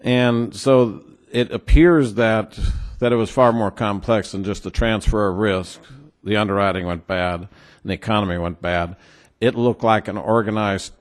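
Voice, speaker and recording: A man with a West Texas twang questioning witnesses at a formal hearing in a halting, plain-spoken, skeptical way. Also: fairly low pitch. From New Mexico or West Texas, United States.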